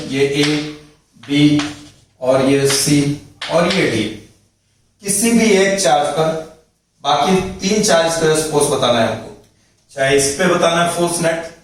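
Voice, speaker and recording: A man's voice: on the high side, a little hiss or hum. A man teaching physics in a lecture, explaining step by step and often checking that students follow. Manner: explains step by step, repeats points, checks with "thik hai". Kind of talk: classroom lecture at a board. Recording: very echoey room, mic far off.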